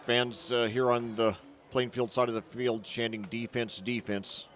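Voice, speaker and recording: Male color man for a home team football broadcast, chatty and partisan, even mid voice. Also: mid-range voice, moderate pace. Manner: partisan, loose with fillers, recaps the score. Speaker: color commentator. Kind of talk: high school football radio commentary.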